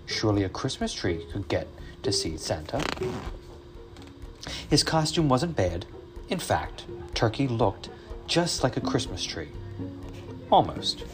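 A man reading a children's story aloud in a slow, expressive storytelling voice. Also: on the low side. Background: music.

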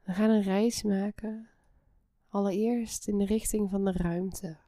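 A woman guiding a relaxation meditation in a soft, soothing, breathy half-whisper. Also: mid-range voice, fairly even intonation, unhurried, dry recording, clean studio sound. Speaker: guided meditation host.

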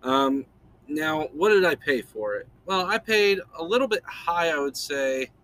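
A man's voice: a little high, expressive, a little slow, fairly bright tone. A man hosting a podcast in casual chat, laid-back and rambling, chuckling often. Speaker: podcast host.

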